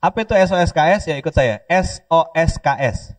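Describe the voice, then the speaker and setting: A man from Pontianak, Indonesia, preaching a lively sermon, joking and leading call-and-response with the audience. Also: fairly high pitch, fairly quick, no echo. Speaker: Islamic preacher. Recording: dry, distant mic.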